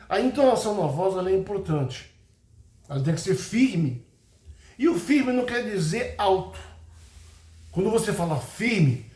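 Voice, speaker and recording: A man with a fairly high voice gives a church teaching talk about how to run a class. He speaks unhurriedly, often pausing with fillers and tag questions. The sound is echoey, as if recorded in a bare room. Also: darkish tone. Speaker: Sunday school teacher trainer.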